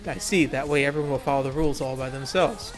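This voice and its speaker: A man's voice: medium pitch, steady tone, fast, over music, natural voice. A man reading a fiery young racer girl. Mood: earnest. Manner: earnest, gung-ho, read aloud plainly. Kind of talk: reading game story aloud.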